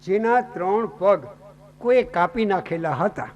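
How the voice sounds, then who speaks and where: Man from Gujarat, sermon storyteller, high voice, dramatic delivery, faint noise behind. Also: lively intonation, slow pace, muffled recording. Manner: dramatic storytelling with rhetorical questions. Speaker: Bhagavata katha speaker.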